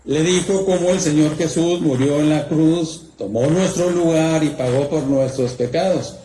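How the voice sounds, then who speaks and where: Preacher with a mellow voice. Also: male voice, fairly high pitch, a little slow. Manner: storytelling, with rhetorical questions. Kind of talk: campfire sermon. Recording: roomy echo, faint background noise.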